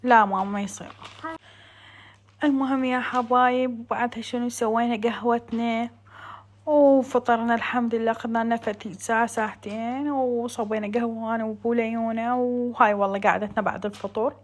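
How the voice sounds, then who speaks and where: A woman's voice: fairly high pitch, level tone, brisk. Iraqi woman, chatty home vlogger. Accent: southern Iraqi Arabic. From Iraq. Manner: chatty, addresses viewers as friends. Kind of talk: casual vlog voice-over.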